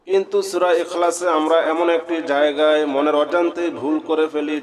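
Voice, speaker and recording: A man, teaching Quran recitation in an earnest, warning tone. He spells out the Arabic letters one by one and recites in a drawn-out chant. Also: a little high. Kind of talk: religious lesson with slow Quran recitation.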